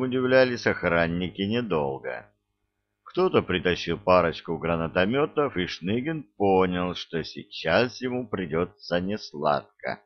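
A man narrating an action novel as an audiobook, with wry, ironic asides to the listener. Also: low voice. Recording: dull lo-fi recording.

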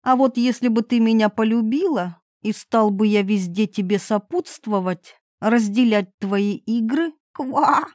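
A small, stubborn frog pleads in slow, stretched-out phrases and croaks between them, as a woman reads him aloud. The voice sits a little higher and louder than her narration, close and dry. It is a storybook telling. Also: no echo, lightly acted. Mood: pleading. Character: fussy pleading male frog, small and persistent.

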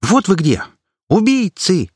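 A man's voice: big pitch swings, takes it slowly, darkish tone, breathy edge, no echo, clean studio sound, full character voice. A man voicing an indignant young woman who defends animals and lectures people. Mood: outraged. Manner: shrill, moralizing and outraged.

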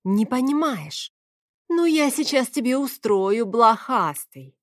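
A woman reading the part of a hot-tempered young woman who shouts and scolds sharply in an audiobook. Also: fairly high pitch, big pitch swings, slow pace, no room sound, studio quality, voice pushed up. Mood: furious. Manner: loud scolding, sharp and exasperated. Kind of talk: audiobook character voice.

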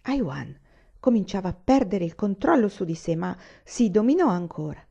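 A woman reading a novel aloud in calm, measured narration. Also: mid-range voice, gravelly. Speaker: reader. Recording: slightly dull, lo-fi recording.

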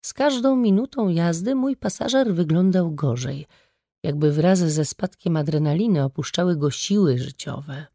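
A woman reading a first-person audiobook story with brisk, wry storytelling. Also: on the low side, lively intonation, mellow, dry recording, studio quality. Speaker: audiobook narrator. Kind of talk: scripted first-person narration.

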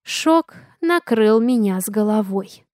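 A woman narrating a first-person audiobook in an expressive, dramatic way. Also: mid-range voice, slow pace, dry recording, studio quality.

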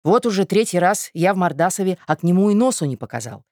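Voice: medium pitch, sing-song, quick pace, a little mellow, no echo, studio quality. A reader voicing a flustered, stumbling young suitor. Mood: anxious, pleading. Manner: hesitant, stumbling speech with fillers.

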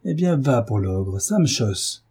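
A man's voice: medium pitch, sing-song, a little mellow, slightly rough, exaggerated voice. A drunken brutish husband, read by a man. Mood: drunk, menacing. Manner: slow, slurred, with frequent pauses. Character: drunken brutish husband, middle-aged, menacing.

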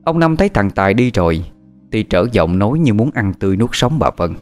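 A man's voice: fairly low pitch, big pitch swings, fairly quick, a little mellow, faint music behind. A man narrating a horror story in a dramatic, suspenseful way.

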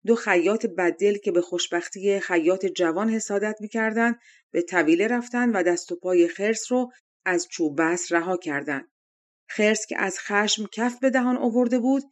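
A woman narrating a fairy-tale audiobook in an expressive, lively reading style. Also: medium pitch.

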